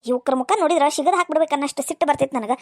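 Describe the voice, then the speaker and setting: A woman's voice: high-pitched, racing, darkish tone, dry recording, clean studio sound, pitched below the performer's own voice, close to an everyday voice. Woman doing a two-faced North Karnataka stepmother. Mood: scheming. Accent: North Karnataka Kannada. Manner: sweet to the children, snarling behind their backs. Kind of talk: cartoon voice acting.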